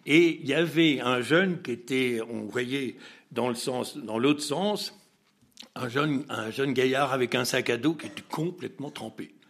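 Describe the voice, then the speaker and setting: A man telling an anecdote as an interview guest. He is a lively storyteller who acts out dialogue, laughs often, and hesitates and restarts. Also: mid-range voice, a little slow.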